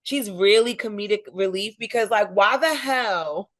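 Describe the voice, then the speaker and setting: A woman co-hosting a podcast in casual chat, talking quickly and chattily. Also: mid-range voice, fairly bright tone, dry recording. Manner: chatty and quick, laughs easily. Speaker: podcast co-host.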